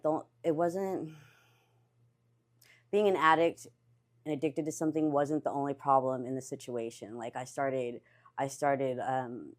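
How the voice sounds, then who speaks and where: A young woman, speaking candidly in an interview, with many pauses and fillers and occasional laughter. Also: deep voice. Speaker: interviewee, barista in recovery.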